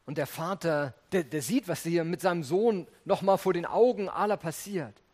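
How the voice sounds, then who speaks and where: A man's voice: high-pitched, moderate pace, darkish tone. A man preaching a sermon, reading scripture and earnestly speaking straight to his listeners. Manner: earnest, addresses listeners directly.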